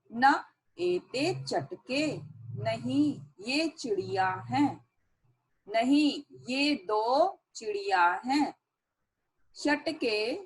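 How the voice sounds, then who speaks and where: Slow, patient woman teacher. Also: a little high, rough recording. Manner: slow, repeats each sentence in Sanskrit then Hindi. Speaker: Sanskrit teacher. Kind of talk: classroom lesson explanation.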